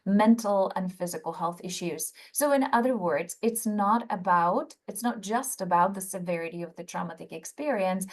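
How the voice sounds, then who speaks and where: Speaking at medium pitch, a middle-aged psychologist from the Czech Republic gives a prepared webinar lecture with a Czech accent. Her delivery is measured and explanatory, frequently beginning with "so" and pausing on "um."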